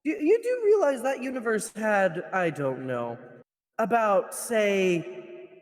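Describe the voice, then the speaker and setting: A man's voice: high voice, very animated, takes it slowly. A man using a cathedral reverb voice mod while playing a stern mock prosecutor in an improvised trial roleplay. He stammers and repeats words as he scolds.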